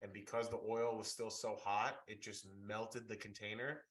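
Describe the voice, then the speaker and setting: A man's voice: lowish voice, normal speed, poor audio. A man in his thirties, a podcast co-host, talking bluntly and teasing his friends in casual chat. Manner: blunt, teasing, animated storyteller.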